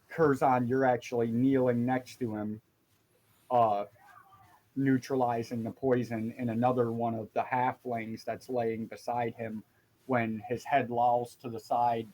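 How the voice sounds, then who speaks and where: A man's voice: medium pitch, mellow, low-quality recording. Man narrating as dungeon master. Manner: explanatory, descriptive. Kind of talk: narrating a tabletop game.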